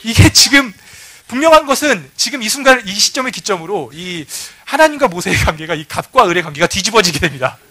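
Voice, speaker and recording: Male pastor, bright and lively delivery, relaxed storytelling sermon. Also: high voice, a little fast, no echo. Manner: conversational storytelling preaching.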